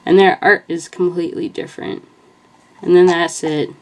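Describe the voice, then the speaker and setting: A woman's voice: on the low side, fairly even intonation, moderate pace. A young woman chatting casually in a meandering way, filling her talk with "like" as she retells movie scenes. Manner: meandering, heavy use of filler "like". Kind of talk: casual rambling commentary.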